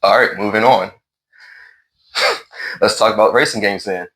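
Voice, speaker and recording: A man's voice: lowish voice, unhurried, bright, forceful tone. A man hosting a casual gaming conversation, asking questions and teasing his friend in a laid-back way. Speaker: podcast host.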